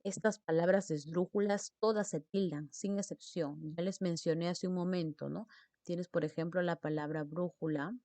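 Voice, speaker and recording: A woman's voice: on the low side, fairly even intonation, normal speed, mellow, no echo. A woman teacher explains mark rules, repeating example words and checking in with her students. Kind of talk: spelling lesson on accent marks.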